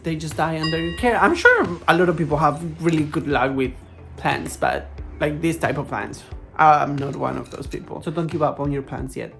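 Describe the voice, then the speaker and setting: This woman, a plant vlogger, speaks English with a foreign accent in a low, creaky voice. Her talk is casual, a bit hesitant, and has a playful vlog feel, with music in the background.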